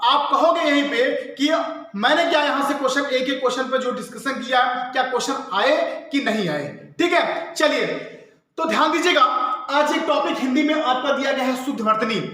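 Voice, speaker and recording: A man teaching an exam-prep lesson, drilling his listeners by posing a question and answering it at once. His voice sits very high and sounds bright and forceful. It rings out in a strongly echoing room. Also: brisk. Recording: very echoey room.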